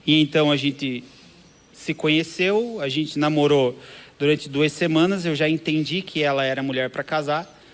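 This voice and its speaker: A man's voice: a little high, normal speed. A middle-aged man telling his personal conversion story in a casual interview, earnestly acting out the dialogue he quotes. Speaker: church member giving testimony.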